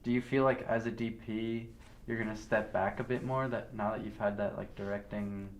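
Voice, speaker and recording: A man's voice: on the low side, fairly even intonation, moderate pace, roomy sound, a little hiss or hum, low-quality recording. A man hosting a podcast in casual chat, friendly, asking follow-up questions. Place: podcast studio.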